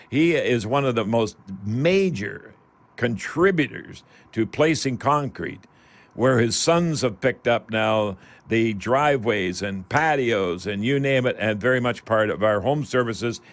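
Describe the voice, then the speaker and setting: A man with a mid-range voice and lively intonation hosts a home improvement radio call-in show, speaking a little slowly. He's folksy and rambling, treating listeners like friends.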